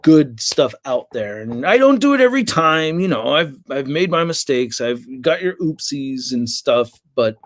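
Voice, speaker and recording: A tired man in his late thirties chats loosely on a livestream, full of fillers and crude jokes. His voice sits a bit high for a man, and the sound is dry and close, with no room echo. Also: sing-song, normal speed, few pauses. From United States. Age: late 30s. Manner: rambling, crude jokey talk with lots of fillers. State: tired and yawning. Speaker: toy reviewer and livestream host. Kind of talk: casual livestream chat.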